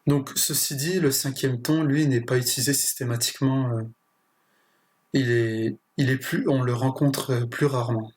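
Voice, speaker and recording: Male tutor, slightly breathy voice, talks through a lesson with hesitations and restarts. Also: mid-range voice, steady tone, moderate pace, a little mellow. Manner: hesitant, with frequent fillers and restarts. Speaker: language teacher. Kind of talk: explanatory lesson.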